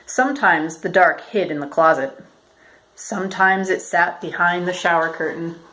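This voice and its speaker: Lower-pitched woman reading a picture book. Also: normal speed, fairly bright tone, slight background noise, rough recording. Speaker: storyteller, educator. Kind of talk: read-aloud children's picture book narration.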